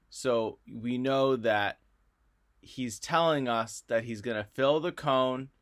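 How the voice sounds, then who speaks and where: Slow-talking friendly male math teacher. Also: mid-range voice, fairly bright tone. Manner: friendly, explanatory, unhurried. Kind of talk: recorded video lesson.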